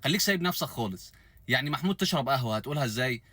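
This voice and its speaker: A man's voice: medium pitch, expressive, very fast, sharp tone, no echo. A man with an Egyptian accent doing a comedy sketch, mocking dialects by stretching his words and switching between put-on voices.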